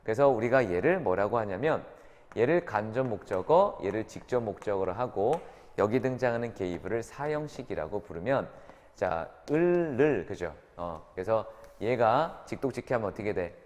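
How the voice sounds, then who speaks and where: In an echoing lecture room, a man gives students an English grammar lesson, regularly checking in through short tag questions. His voice sits on the low side, slightly mellow, with lively intonation at normal speed.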